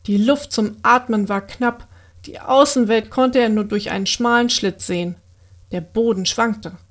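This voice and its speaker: A woman reading a children's bedtime story aloud in a gentle, expressive way. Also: fairly high pitch, a little slow.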